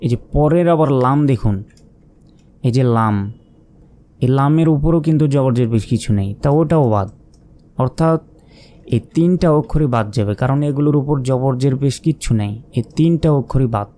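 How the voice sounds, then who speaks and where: Male teacher, mellow low-brightness voice, patient step-by-step lesson delivery, slow drawn-out recitation. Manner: patient, asks questions and answers them himself; drawls out recited syllables slowly. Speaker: Quran reading teacher.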